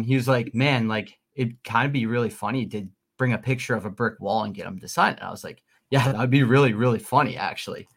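A young man co-hosting a podcast, telling a story in an excited, rambling way with lots of fillers. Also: medium pitch. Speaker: podcast co-host. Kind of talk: casual storytelling.

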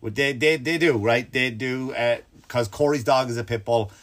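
A man hosting a comedy podcast, ranting animatedly and swearing, with his voice jumping up when he gets worked up. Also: moderate pace. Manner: animated, swearing, pitch leaps when excited. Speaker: podcast host. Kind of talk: comedic storytelling rant.

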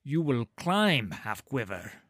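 A man voicing a stern, commanding female warrior in an audiobook, barking curt, forceful orders. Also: medium pitch, sing-song, slow, no echo, studio quality, heavily acted.

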